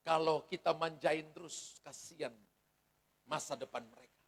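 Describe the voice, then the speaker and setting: A man's voice: on the high side, steady tone, moderate pace, gravelly, slightly rough. A middle-aged male pastor preaching a sermon, telling stories and acting out the dialogue. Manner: storytelling, acts out quoted dialogue.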